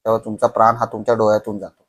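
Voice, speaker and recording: A young man telling a horror story on a podcast, slow and dramatic, dropping to a hush at tense moments. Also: on the low side, level tone.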